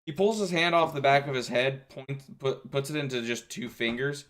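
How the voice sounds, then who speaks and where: A young man narrating as game master of a tabletop game, talking in a halting way with many fillers. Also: medium pitch, fairly bright tone.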